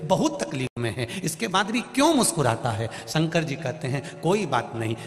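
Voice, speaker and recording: Animated man preaching over music in a hall. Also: moderate pace. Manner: storytelling, acting out quoted voices with wide pitch swings.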